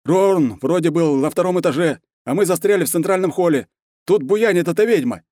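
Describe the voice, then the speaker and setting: A man's voice: high voice, animated, moderate pace, a little mellow, no room sound, clean studio sound, pitched above the performer's own voice. A man reading a story aloud and voicing a gasping, frightened soldier reporting over a radio. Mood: panicked. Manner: gasping, panicked. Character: breathless panicked male soldier on a radio.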